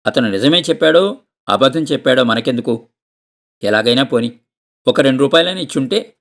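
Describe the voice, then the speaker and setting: A man voicing a gentle, soft-hearted wife who pleads quietly in a storybook reading. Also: mid-range voice, animated, fairly quick. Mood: pleading.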